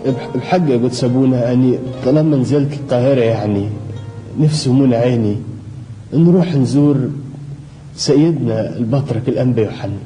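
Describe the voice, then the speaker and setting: An actor playing a humble, devout monk with an Egyptian accent, hesitant and deferential, in a religious audio drama. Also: male voice, mid-range voice, brisk, long pauses, dark tone, faint music behind, close to an everyday voice, rough recording.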